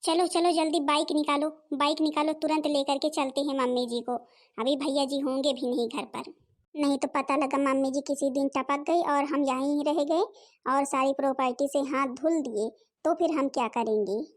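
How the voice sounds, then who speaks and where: A woman's voice: sits high, steady tone, normal speed. A woman voicing every figure of a cartoon family drama, from a sweet mother-in-law to scheming and scolding daughters.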